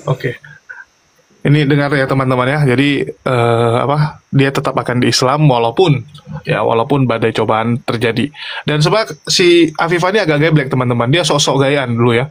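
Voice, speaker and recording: A man's voice: medium pitch, moderate pace. A man hosting a casual interview, teasing his guest and talking to viewers. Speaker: host.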